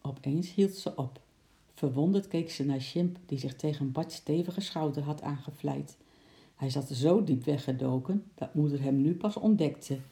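A storyteller reads a children's story aloud, expressive and lively. The voice is gravelly, with a dark, mellow tone. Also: mid-range voice, unhurried.

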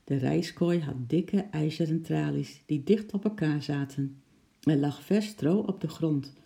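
Gravelly, dark storybook narrator. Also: medium pitch, unhurried. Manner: steady, expressive reading. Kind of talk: children's storybook reading.

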